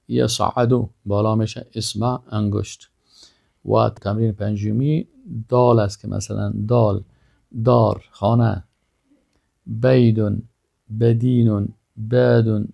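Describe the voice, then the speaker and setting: A man teaching Arabic vocabulary, saying each word slowly and then giving its meaning. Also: on the low side, gravelly, warm tone. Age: older.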